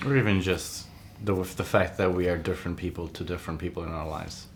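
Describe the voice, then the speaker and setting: A man's voice: low-pitched, steady tone, quick pace, slight background noise. A man hosting a podcast, chatting in an easygoing conversational way. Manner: conversational, light laughs, short agreeing replies. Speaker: podcast host. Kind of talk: casual chat.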